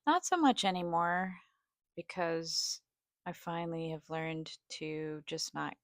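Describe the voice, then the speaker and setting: Woman rambling on a personal vlog, slowish n halting, lowish voice w some scratchy vocal fry. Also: dry recording, studio quality. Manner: halting, hesitant, with pauses. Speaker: video host. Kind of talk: rambling personal vlog, partly reading a study aloud.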